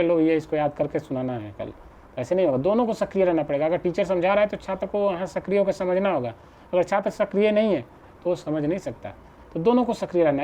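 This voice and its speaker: A man teaching an exam-prep class, explaining slowly, repeating points and checking with the listener. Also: high voice, warm tone.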